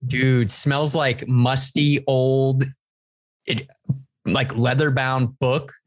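A man's voice: mid-range voice, flat delivery, extremely slow, no room sound. A man from San Diego, a podcast co-host, telling a long story in casual chat with lots of restarts. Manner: rambling storyteller, many restarts.

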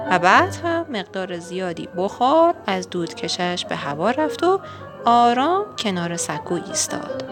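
A woman reads a children's picture book aloud with gentle, expressive storytelling. Her voice is fairly high and moves about a lot. Faint music plays underneath. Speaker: storybook reader.

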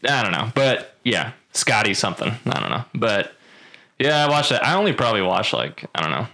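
A man's voice: on the low side, sing-song, a little fast, creaky, pushed and bright. A young man co-hosting a podcast, telling stories in a laid-back casual chat and laughing often. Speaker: podcast co-host.

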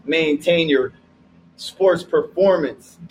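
A man co-hosting a podcast, delivering an energetic, preachy pep talk with repeated catchphrases. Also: on the high side, takes it slowly, slight background noise, poor audio. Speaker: podcast co-host. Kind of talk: hyped promotional pep talk.

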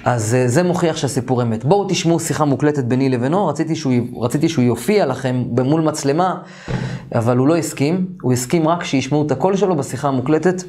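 Lively man telling a story. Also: mid-range voice. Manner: lively, colloquial, emphatic. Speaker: course teacher. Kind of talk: animated first-person storytelling lesson.

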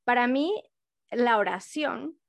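Woman, 30s, host, thoughtful and measured, bright-ish voice, dry mic. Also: a little high, lively intonation, gravelly, dry recording. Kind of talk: casual chat.

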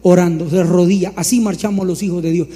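A man's voice: sits high, steady tone, brisk, warm tone. A man preaching a sermon as a pastor, emphatic and repetitive, sometimes mimicking other people. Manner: acts out voices of others in mocking tones. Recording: long hall reverb.

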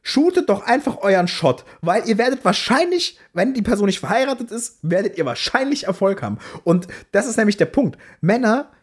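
A young man co-hosting a podcast in casual slangy chat, ranting with quick asides. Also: sits high, sing-song, slightly rough. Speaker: podcast co-host and streamer.

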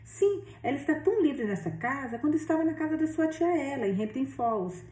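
A woman's voice: sits high, lively intonation, fairly quick, warm tone, voice pushed up. A woman reading as a worried older aunt, roomy. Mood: insistent. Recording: roomy echo, distant mic.

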